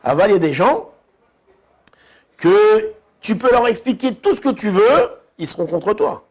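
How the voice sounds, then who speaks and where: A man's voice: high voice, big pitch swings, unhurried, a little mellow. A man giving an informal religious lesson as a rabbi, who speaks in a chatty way and keeps asking his listeners questions. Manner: chatty, asks listeners questions, lots of restarts. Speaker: rabbi teaching a class.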